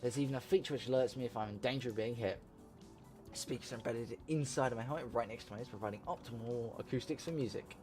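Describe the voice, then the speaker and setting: A man hosting a let's play, reading a visual novel aloud in an animated way. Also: medium pitch, quick pace, soft background music. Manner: animated reading, laughs and shouts at tense moments.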